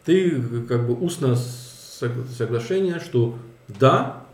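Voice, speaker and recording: A man's voice: mid-range voice, animated, slow, roomy sound. A male co-host in a casual studio conversation, upbeat, playful and chatty.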